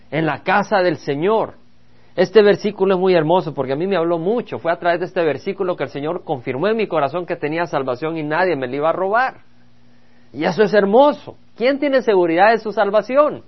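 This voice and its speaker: A male pastor preaching in a fairly high voice, reading verses and then stressing them with fervour. The recording is dull and lo-fi, with the top end rolled off. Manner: preaching with rising emphasis, reading scripture aloud. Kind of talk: Bible study sermon.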